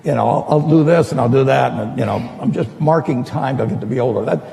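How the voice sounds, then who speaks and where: A man's voice: medium pitch, quick pace, gravelly, warm tone. A man giving casual advice in an interview, chuckling and restarting his sentences. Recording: long hall reverb, faint background noise.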